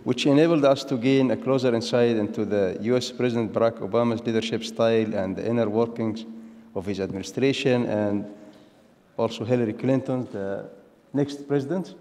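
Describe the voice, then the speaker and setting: A man's voice: mid-range voice, fairly even intonation, a little fast, dark tone. A man moderating a lecture, thanking the speaker and reading out the rules for questions in a polite, scripted way. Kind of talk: formal event moderation. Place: lecture hall. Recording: long hall reverb.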